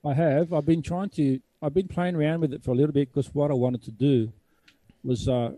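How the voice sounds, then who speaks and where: A man's voice: a little high, fairly even intonation, fairly quick, dark tone, dry recording. A man chatting casually about tech.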